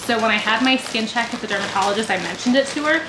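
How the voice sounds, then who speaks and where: A woman's voice: a little high, fast. A woman in her thirties chatting casually to camera for her vlog, rambling with lots of filler words and sounding stuffy from a cold. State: congested from a cold. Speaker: vlogger. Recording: echoey room with loud background noise.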